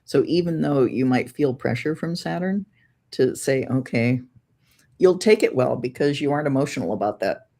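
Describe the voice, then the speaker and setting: Mid-pitched, thoughtful astrology co-host. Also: animated, brisk, gravelly, mellow. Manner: thoughtful, explanatory, weighing both sides. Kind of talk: casual conversational astrology discussion.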